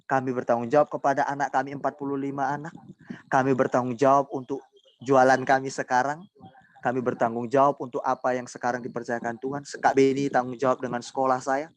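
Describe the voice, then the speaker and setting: Male pastor leading an online sermon; loud, emphatic, playful, heard through a laptop mic. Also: mid-range voice. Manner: loud, emphatic, says he talks loudly; teasing, imitates group members' voices. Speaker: pastor teaching a youth group. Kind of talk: online sermon to a group on video call. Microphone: laptop mic on a video call.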